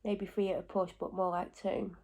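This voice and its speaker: A woman's voice: lowish voice, flat delivery, normal speed, creaky, darkish tone. A woman with a blocked nose from a cold, rambling at home in a casual vlog with lots of asides and self-corrections. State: stuffy and congested with a cold. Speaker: vlogger.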